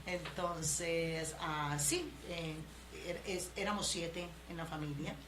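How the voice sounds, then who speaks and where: Speaking slowly and expressively in a lowish voice, a woman in her fifties with a Cali Colombian Spanish accent shares her life story as an interview guest. Her relaxed, personal account has many fillers and restarts, and the background ambience is noisy.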